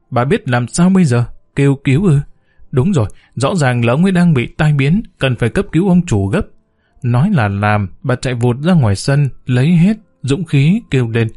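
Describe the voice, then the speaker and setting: A man's voice: medium pitch, darkish tone. A man reading a suspense story aloud with dramatic storytelling. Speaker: narrator. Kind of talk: audiobook story narration.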